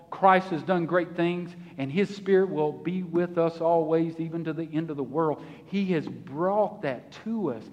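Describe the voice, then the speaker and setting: High-voiced, lively preacher in a reverberant church. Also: male voice. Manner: animated, folksy preaching with acted-out voices. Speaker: pastor. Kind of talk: sermon.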